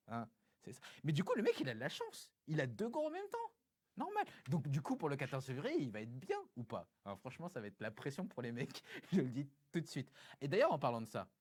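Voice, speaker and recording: Chatty young man hosting a live show. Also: mid-range voice. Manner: chatty, animated, full of fillers. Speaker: host. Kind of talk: casual chat reading tweets.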